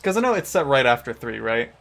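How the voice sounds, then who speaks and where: A man's voice: mid-range voice, big pitch swings, quick pace, creaky, fairly bright tone. A man live-streaming a video game, chatting casually with lots of swearing and bro slang. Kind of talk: casual live-stream chat while gaming.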